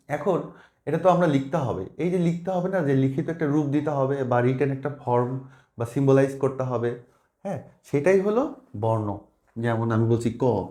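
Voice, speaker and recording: A man teaches a grammar lesson in a mellow, dark voice, moving slowly from point to point. He keeps asking his listeners questions to check that they follow. The room gives his voice a noticeable echo. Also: medium pitch. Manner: explains slowly step by step with many check questions. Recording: echoey room.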